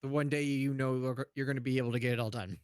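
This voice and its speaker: A man's voice: medium pitch, steady tone, racing, clean tone, no room sound. A man chatting casually as a guest on a stream, teasing and restarting his sentences. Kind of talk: casual chat.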